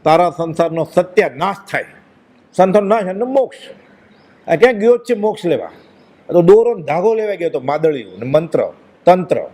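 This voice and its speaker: An emphatic man delivers a devotional discourse, pressing his points with rhetorical questions. His voice is somewhat high for a man. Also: sing-song, a little fast, mellow. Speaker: religious speaker.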